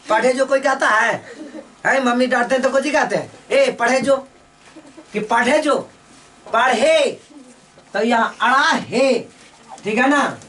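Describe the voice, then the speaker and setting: A woman teaching a lesson. She asks each question, then answers it herself in slow, repeating drills. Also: a little high, a bit bright, far from the mic. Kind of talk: classroom lesson with call-and-response drills.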